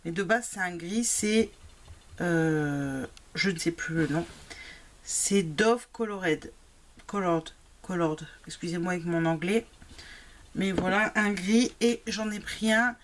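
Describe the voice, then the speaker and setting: A woman's voice: lowish voice, a little slow, a little hiss or hum. A woman casually presenting craft supplies she bought, hesitant and full of fillers, apologizing now and then. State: married adult. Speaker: craft vlogger. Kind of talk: casual product haul chat.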